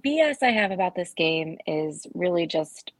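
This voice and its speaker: A woman co-hosting a casual sports podcast, laying out her frustrations in steady analysis. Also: on the low side, normal speed, dry recording. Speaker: podcast co-host.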